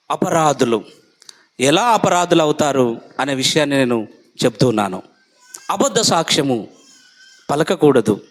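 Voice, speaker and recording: A man's voice: high voice, pushed and bright. A man preaching a sermon, with emphatic, repetitive lists.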